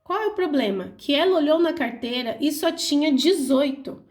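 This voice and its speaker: A young adult woman teacher with a Brazilian Portuguese accent, slowly and clearly explaining workbook answers to her pupils. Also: high-pitched, lively intonation. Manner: slow, clear, didactic, spelling out syllables. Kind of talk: reading and explaining a school workbook.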